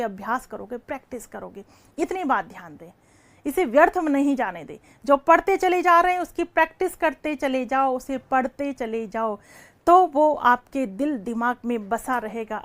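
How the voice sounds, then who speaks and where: High-voiced woman teacher lecturing live. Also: fairly bright tone. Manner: asks questions then answers them herself; calls students "beta" affectionately. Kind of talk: live online class lecture.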